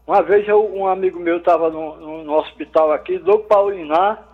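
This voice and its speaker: A man calling in over the phone, his voice high and the line dull and muffled. He tells his story haltingly, wandering as he goes. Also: steady tone. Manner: hesitant, rambling storyteller. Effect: heard over the phone. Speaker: radio caller. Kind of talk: caller telling a story on a radio show.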